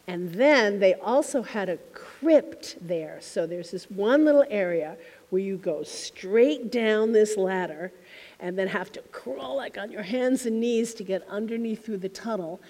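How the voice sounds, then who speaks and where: A woman minister telling a congregation a heartfelt story in a reflective way, her phrases often trailing off softly. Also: medium pitch, lively intonation, a little slow, in a large hall. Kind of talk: spiritual talk to a congregation. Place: temple hall.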